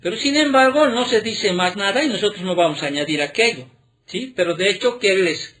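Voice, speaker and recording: A male pastor preaching a sermon, throwing rhetorical questions at the congregation and checking in with "¿sí?", stressing key words slowly. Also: high voice, animated, fairly bright tone. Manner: emphatic, drawn-out key words.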